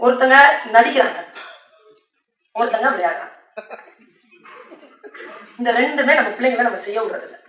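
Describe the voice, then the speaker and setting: A woman giving a motivational speech, telling stories, often laughing and slowing down for solemn lines. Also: a little high, recorded from a distance, noisy background. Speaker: motivational speaker. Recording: echoey hall, voice from off the mic.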